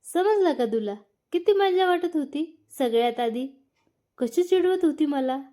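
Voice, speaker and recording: A woman's voice: sits high, animated, a little slow, dark tone, voice pushed up. A woman voicing a young husband who teases, then pleads and scolds, read as a storybook. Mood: scolding. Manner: playful teasing, later scolding. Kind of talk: storybook narration.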